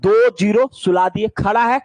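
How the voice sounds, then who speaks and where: A man's voice: high voice, moderate pace, a little mellow, no echo, low-quality recording. A man teaching an online maths class in a playful way. He keeps telling students to look carefully and asks the class questions.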